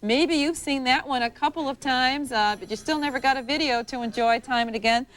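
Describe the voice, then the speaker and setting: Female pledge drive host, high-pitched, chatty live fundraising delivery, ad-libbed. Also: brisk, a bit bright.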